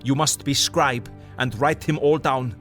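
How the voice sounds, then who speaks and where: A man's voice: medium pitch, fairly even intonation, unhurried, a bit bright, soft background music, close to an everyday voice. Man playing Van Helsing, fervent older professor. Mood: solemn, resolute. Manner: foreign, ungrammatical English, emphatic oratory. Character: earnest older male professor, vampire hunter, eccentric and fervent. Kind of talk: audio drama acting.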